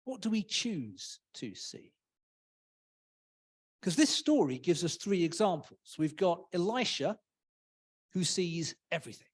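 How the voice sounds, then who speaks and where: Chatty preacher with lively intonation. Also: male voice, high-pitched, a little slow, pauses often. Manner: chatty, humorous, acts out voices. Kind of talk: casual sermon. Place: church.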